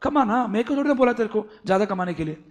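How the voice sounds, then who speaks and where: A man teaching a tax lecture, animated and fond of addressing his students as "beta". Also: sits high, very fast, dull audio. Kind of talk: classroom lecture.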